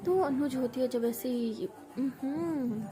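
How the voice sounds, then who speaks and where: A woman's voice: high voice, slow. A woman narrating a love story in a chatty, informal storytelling voice. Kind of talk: casual spoken storytelling. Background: background music.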